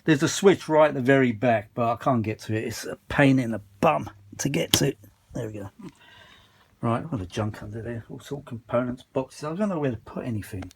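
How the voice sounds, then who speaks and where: Holding his phone camera while filming, a man gives an off-the-cuff repair update from his workbench on vintage audio gear, thinking aloud with some mild swearing. His medium-pitched voice is brisk and creaky, and there's a little hiss or hum.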